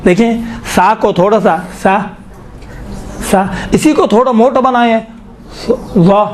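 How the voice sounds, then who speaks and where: A man teaches Quranic pronunciation in Urdu with a Pakistani accent, his voice sitting fairly high. He demonstrates letter sounds slowly and repeats syllables again and again so the listener can copy them. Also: darkish tone, slight background noise. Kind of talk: tajweed pronunciation lesson.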